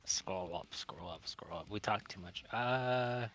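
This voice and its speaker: A man's voice: on the low side, a little slow, fairly bright tone, slight background noise. A man chatting casually as a player in a tabletop game.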